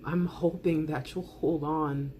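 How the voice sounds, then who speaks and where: A woman with a fairly low voice reads love messages in a soft ASMR style. Her delivery is intimate and earnest, shaped by dramatic pauses. Some ambient noise sits behind her voice. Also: steady tone. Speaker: tarot reader reading out love messages. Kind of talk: soft ASMR love letter reading, spoken as the absent partner.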